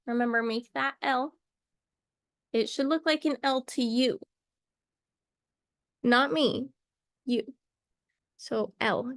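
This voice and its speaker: A woman's voice: fairly high pitch, a bit bright, no room sound, clean studio sound. A young woman teaching a casual English lesson to camera, chatty and playful, wandering off into little asides.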